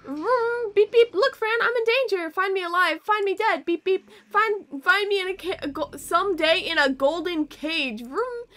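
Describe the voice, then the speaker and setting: Woman doing a squeaky panicked kitty. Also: moderate pace, hardly any pauses, bright, forceful tone. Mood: frantic playful. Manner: squeaky, singsong car noises. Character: frightened talking kitty in a toy car.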